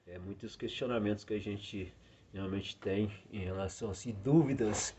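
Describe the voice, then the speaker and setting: A man's voice: fairly low pitch, moderate pace, dark tone. A middle-aged man, a guest in a casual chat, talking earnestly about faith and filling his speech with "né". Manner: earnest, full of "né" fillers. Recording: dull lo-fi sound with faint noise.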